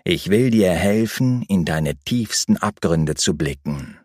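A man voicing a cold, flat-voiced captor. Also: sits low, no room sound, clean studio sound, heavily acted. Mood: cold menace. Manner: flat, bureaucratic, unhurried. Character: cold emotionless male captor, calm and menacing.

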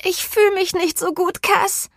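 A woman's voice: very high-pitched, steady tone, a little slow, dry recording, studio quality, pitched above the performer's own voice. A woman voicing a drunk young woman who feels sick and whines. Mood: queasy. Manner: whining, queasy.

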